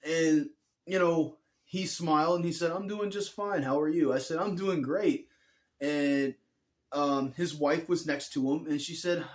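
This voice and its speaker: A tired young man telling a personal story in a rambling, earnest way, often correcting himself. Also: a little high. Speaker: vlogger.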